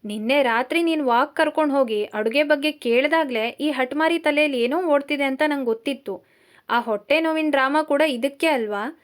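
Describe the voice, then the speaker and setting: A playful young man who teases and soothes, as a woman narrator reads him. He coaxes in a gentle, quick manner in a storybook reading. The voice stays fairly high. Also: natural voice. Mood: teasing. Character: teasing, affectionate young male lecturer.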